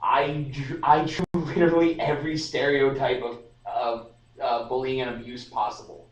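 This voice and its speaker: A young podcast host with a mid-range, level voice speaks at a normal speed in a loose, casual discussion, often restarting sentences and relying on fillers. The audio is dull and roomy, like a live stream from a student society meeting, with the distant mic picking up a hollow echo.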